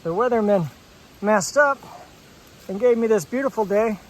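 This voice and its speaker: A man chatting casually as he vlogs outdoors on his rural property, relaxed and full of fillers, a bit out of breath. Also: high-pitched, moderate pace, a little hiss or hum, poor audio. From Alaska. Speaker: homesteader vlogger. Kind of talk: casual outdoor vlog narration.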